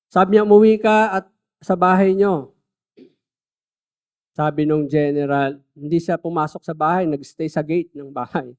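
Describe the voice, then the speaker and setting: A male pastor delivers a heartfelt sermon. His voice sits a little high for a man. He moves easily between Tagalog and English and leans hard into key phrases, slow and loud. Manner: earnest, mixes Tagalog and English, stresses key phrases slowly and loudly. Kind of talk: sermon with personal testimony.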